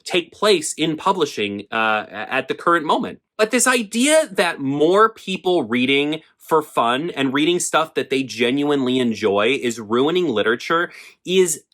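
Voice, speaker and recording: A young man hosting a book vlog, talking in a sassy, animated way with lots of rhetorical questions. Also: fairly high pitch, unhurried. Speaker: book vlogger. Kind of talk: opinionated casual vlog rant.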